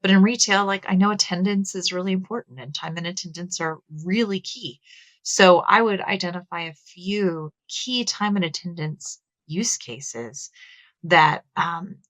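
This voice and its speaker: As a guest on a podcast, a Texan woman in her thirties lays out her views thoughtfully in conversational interview style, dropping in a few filler words. She speaks a little slowly in a fairly low, fairly bright voice. There's no echo, but the audio quality is poor.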